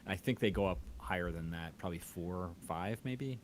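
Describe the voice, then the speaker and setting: A man co-hosts a livestream, chatting casually in a dry, offhand manner at normal speed. His voice is low-pitched, and music plays behind him along with a little hiss or hum.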